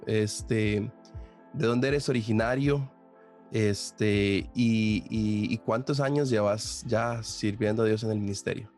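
A man with a Costa Rican accent hosting a podcast interview, asking his guest questions with many pauses, fillers and restarts. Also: fairly low pitch, a little mellow, faint music behind. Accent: Costa Rican Spanish. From Costa Rica. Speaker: podcast host. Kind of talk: casual interview.

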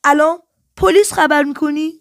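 A woman reading the lines of a sullen young girl who steals gum, speaking quietly and reluctantly. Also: high-pitched, fairly even intonation, no room sound, clean studio sound. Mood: evasive.

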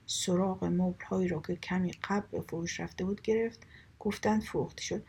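Husky, breathy woman narrating a story. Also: fairly low pitch, steady tone, a little mellow. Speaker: story reader.

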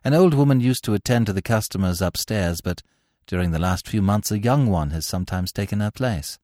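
In a lightly acted audiobook performance, a man voices a deferential former soldier, a bribed witness who reluctantly confesses in a hesitant, respectful, cooperative way. His voice is fairly low, a little mellow and fairly quick, with lively intonation. The recording is dry and studio quality.

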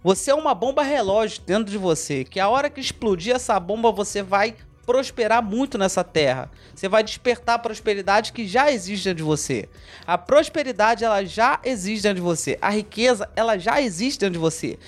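A man's voice: high voice, expressive, a little fast, faint music behind. A Brazilian man hosting a motivational podcast, emphatic and repetitive, speaking straight to the listener as a mentor. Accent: Brazilian Portuguese.

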